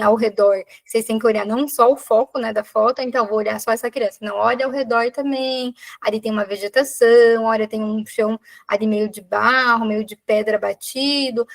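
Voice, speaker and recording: A woman's voice: fairly high pitch, creaky. A woman with a Brazilian Portuguese accent, a doctor tutoring a live exam prep lesson, who explains cases step by step and keeps putting questions to her class.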